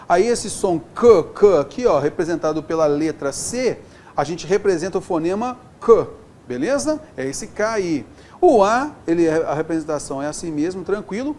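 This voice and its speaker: A man's voice: high-pitched, darkish tone, slight background noise. A Brazilian man teaching a grammar lesson to exam students, upbeat and chatty, checking in with the viewer constantly. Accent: Brazilian Portuguese. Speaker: Portuguese teacher. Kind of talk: exam-prep video lesson.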